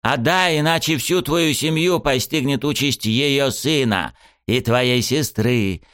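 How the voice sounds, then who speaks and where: A man voicing a cruel, treacherous male henchman who gurgles and rasps his threats in an audiobook. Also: medium pitch, slow, a bit bright, dry recording, clean studio sound, voice pushed up. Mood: threatening. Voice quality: gurgling, rasping. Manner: threatening, mocking. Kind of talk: audiobook character voice.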